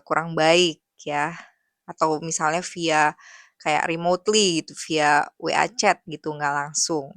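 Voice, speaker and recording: A young adult woman, an English teacher, sharing thoughts in a casual, reflective monologue, soft-spoken and hesitant with many fillers. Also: lowish voice, dry recording, studio quality.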